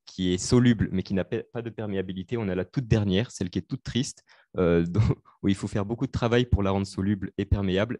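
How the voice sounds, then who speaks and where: Young man tutoring, halting with fillers. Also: on the low side, a little mellow, no room sound, clean studio sound. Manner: hesitant, many fillers, explains step by step. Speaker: student tutor. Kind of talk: live online revision session.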